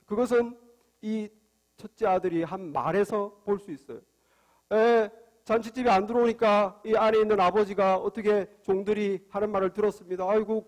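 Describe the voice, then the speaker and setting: A man preaching a sermon, often pausing on filler sounds and acting out quoted dialogue with rising emotion. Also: darkish tone. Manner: acts out quoted dialogue, rises in pitch for angry lines, frequent "에" fillers. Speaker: pastor.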